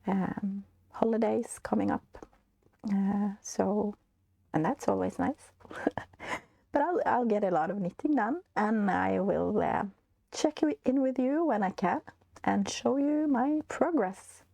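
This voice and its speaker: A Norwegian woman in her forties with a stuffy, congested voice, chatting casually as a knitting vlog host, hesitant with many fillers and soft laughs. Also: medium pitch, slow, gravelly, no room sound. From Norway. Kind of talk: casual chat.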